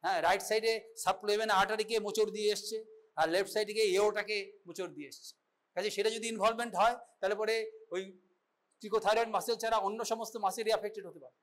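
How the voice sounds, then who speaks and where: A man gives a classroom lecture at a medical college, his voice sitting high and a bit bright, with fairly even intonation and a very fast delivery. He demonstrates an exam, teaching clearly and often confirming that students understand.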